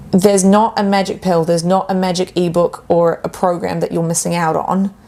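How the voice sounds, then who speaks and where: Gravelly-voiced woman, animated chat. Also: on the low side. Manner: animated, acts out inner voices. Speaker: health coach guest. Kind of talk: casual podcast chat.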